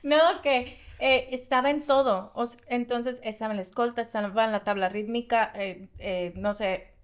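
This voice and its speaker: A woman with a Mexican accent, co-hosting a podcast and telling personal stories in a lively, fast-bursting way. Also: fairly high pitch. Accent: Mexican Spanish. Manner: animated storytelling, fast bursts, frequent laughs. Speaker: podcast co-host. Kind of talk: casual podcast conversation.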